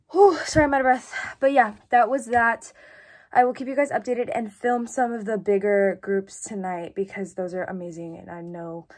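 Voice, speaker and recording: A woman's voice: medium pitch, darkish tone. A teenage girl in casual vlog chat, chatty and rambling with lots of fillers, filmed on a phone. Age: teens. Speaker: vlogger, show choir member.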